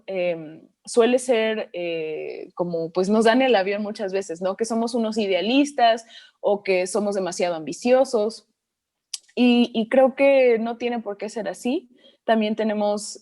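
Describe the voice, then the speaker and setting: A young woman from Mexico in her twenties, a writer answering interview questions thoughtfully, pausing often to find her words. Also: medium pitch, darkish tone. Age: 20s. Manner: thoughtful, with frequent hesitations. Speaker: guest, writer.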